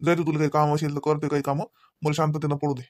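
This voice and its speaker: A man's voice: a little high, little pitch movement, dry recording, studio quality, natural voice. A man voicing a scolding cartoon husband. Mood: angry. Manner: nagging, lecturing, rapid scolding. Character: scolding husband Ravi, grown man, short-tempered. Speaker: voice actor. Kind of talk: cartoon voice acting.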